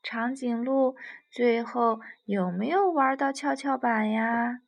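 A young woman narrating a children's bedtime story in a gentle, soothing way. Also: on the high side, slow.

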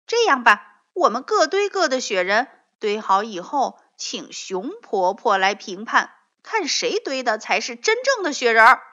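A woman voicing an eager young male rabbit in a children's storybook, exclaiming brightly. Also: high voice, big pitch swings, unhurried, voice pushed up, exaggerated voice. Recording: dull lo-fi recording.

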